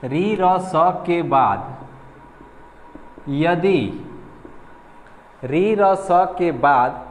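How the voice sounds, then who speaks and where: A male teacher giving a slow board lesson on grammar, repeating and spelling out each syllable. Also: a little high, expressive, slight background noise. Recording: echoey room with long reverb.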